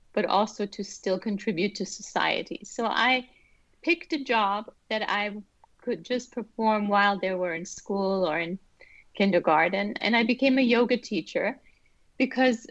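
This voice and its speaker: A middle-aged woman from Austria answers interview questions as a guest, thoughtful and laughing lightly. Her voice is medium in pitch, and the recording is dry, dull, and lo-fi with no echo.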